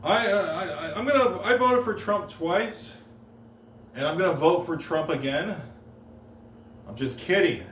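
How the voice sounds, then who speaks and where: Faint room noise hangs behind a comedian whose ordinary mid-range voice echoes around a roomy venue, captured from some distance. On stage he trades in dry one-liners, stumbling and pausing a little before landing each one.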